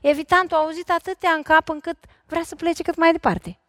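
A middle-aged woman, a couples therapist, talking on stage before an audience, lively and putting questions straight to the listeners. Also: very high-pitched, no echo, clean studio sound. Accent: Romanian. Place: large concert hall stage.

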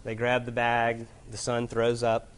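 A man preaching a sermon to a room of listeners, earnest, moving from loud emphasis to hushed gravity. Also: mid-range voice, monotone, a little slow, smooth. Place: room with an audience.

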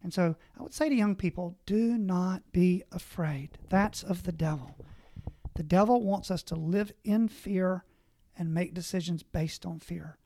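Earnest priest giving advice. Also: male voice, sits high, unhurried, warm tone, dry recording. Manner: earnest, exhortative, lists points. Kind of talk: conversational advice on a panel.

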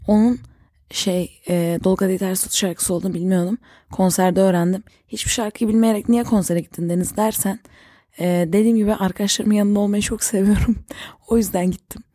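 Young woman host, chatty and rambling, warm low-key tone, dry recording. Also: no echo. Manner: rambling, chatty, self-correcting storyteller. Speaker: podcast host. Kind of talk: casual solo podcast chat.

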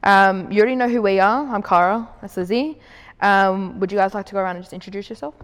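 A woman's voice: medium pitch, quick pace, long reverb tail. Young woman hosting a youth panel. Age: young adult. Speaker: host.

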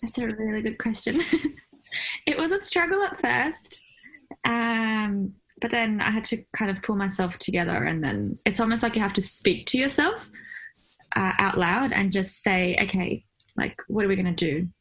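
A woman's voice: medium pitch, animated, moderate pace, a bit bright, low-quality recording. A woman from Iraq, a photographer guest, talking in a casual interview in a chatty, reflective way with frequent fillers and laughs.

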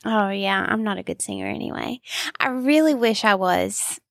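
A woman's voice: mid-range voice, moderate pace, gravelly, no room sound, studio quality. A woman co-hosting a podcast in casual, slangy, informal conversation. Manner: informal, slangy, filler "like" throughout. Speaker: podcast co-host. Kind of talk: casual chat.

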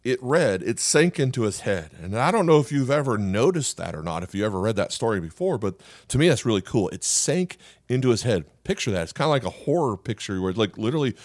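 A man preaching a sermon while sick, animated and conversational, acting out voices from the story he reads. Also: mid-range voice, quick pace, no room sound, studio quality. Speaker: pastor.

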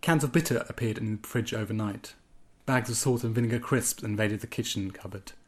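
In this clip a German guest writer with a fairly low voice answers interview questions hesitantly, his unscripted speech full of ums and restarts. His reading from a piece he wrote is noticeably steadier.

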